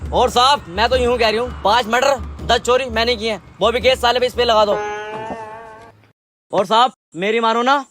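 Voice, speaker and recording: A man's voice: very high-pitched, fairly even intonation, normal speed, noisy background. A man acting in a comic film spoof, pleading and whining theatrically. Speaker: spoof actor. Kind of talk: comedic Hindi spoof acting.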